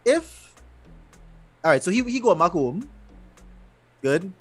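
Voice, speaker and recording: Brief: lively man, higher voice, excitable recap chat, faint music behind. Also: takes it slowly. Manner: animated, loose storytelling with repeated restarts. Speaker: podcast co-host. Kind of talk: casual show recap chat.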